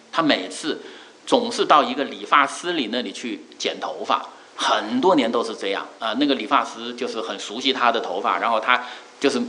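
A middle-aged male preacher giving a sermon, earnest, repeating key phrases with drawn-out fillers. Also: mid-range voice, bright, forceful tone, poor audio.

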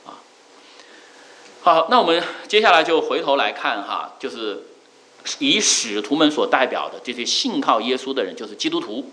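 A middle-aged male preacher giving a sermon, earnest, repeating key phrases with drawn-out fillers. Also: medium pitch, sing-song, bright, forceful tone, rough recording.

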